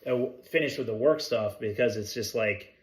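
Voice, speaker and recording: A man's voice: mid-range voice, normal speed, a crowd in the background. Rambling, profane man in casual podcast chat. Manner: rambling, self-interrupting, swears freely. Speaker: podcast co-host.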